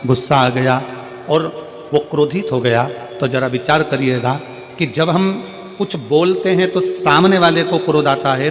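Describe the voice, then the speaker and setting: Slow, repetitive preaching man in a reverberant hall. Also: fairly high pitch. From central India. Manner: repetitive, rhetorical, drilling each point with questions to the crowd. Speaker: religious storyteller. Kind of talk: devotional sermon to a live crowd. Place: large live religious gathering. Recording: long reverb from a large venue PA with music behind.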